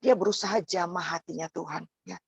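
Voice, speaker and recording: A woman with a lowish voice gives a sermon in a chatty, conversational manner. She keeps checking in with her listeners and addresses them directly. The sound is close and dry, with no room echo. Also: steady tone, brisk, vocal fry, a little mellow, husky, dull audio. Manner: conversational preaching, tags phrases with "ya", addresses the congregation directly. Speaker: preacher.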